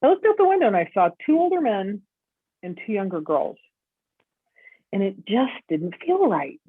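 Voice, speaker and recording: Woman, middle-aged, podcast guest, lively storyteller, plays out quotes, tinny phone-like audio. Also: mid-range voice, moderate pace, slightly rough, no room sound. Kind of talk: storytelling interview.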